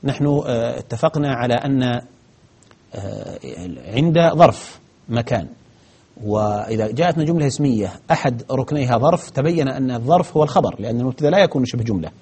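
A man's voice: medium pitch, expressive, fast, warm tone, breathy edge. A man teaching grammar on a broadcast lesson, answering viewer questions methodically, step by step, with frequent hesitations.

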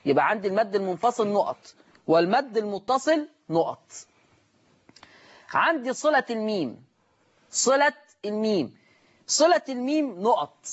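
A man's voice: high voice, very animated, normal speed, long pauses. An Egyptian-accented man teaches Quran recitation on a broadcast lesson. He poses questions and answers them himself, repeating each key term. The audio is slightly dull.

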